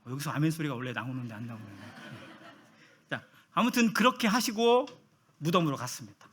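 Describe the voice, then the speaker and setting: A man preaching a sermon. His voice is high and bright, and it swings up and down a lot. He keeps asking the listeners questions and acts out the people he quotes. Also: lively intonation, a little fast, husky.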